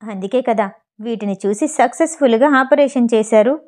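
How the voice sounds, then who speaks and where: A woman's voice: a little high, moderate pace, lightly acted. A woman reading the lines of a commanding, furious male hospital chief in an audio novel. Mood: proud. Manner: shouting, indignant.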